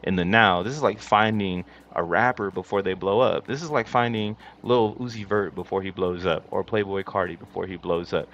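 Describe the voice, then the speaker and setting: Male crypto bro streamer, low voice, slangy casual hype, muffled mic. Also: fairly even intonation, moderate pace, hardly any pauses, a bit bright. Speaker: livestream host. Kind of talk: casual crypto commentary to a live chat. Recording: dull lo-fi mic with faint background noise.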